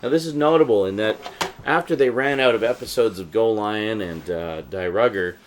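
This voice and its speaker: A man with a fairly low voice speaks at normal speed while showing his DVD purchases on his vlog. His casual, unscripted commentary rambles with a fan's enthusiasm.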